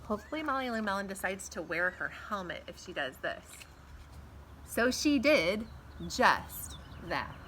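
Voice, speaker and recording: Outdoors on a backyard patio, a middle-aged American woman reads a children's picture book aloud as a teacher would to pupils, drawing out words and adding asides for young listeners. Her medium-pitched voice is very animated, bright and pushed, a little slow. A camera a few feet away picks up faint outdoor noise.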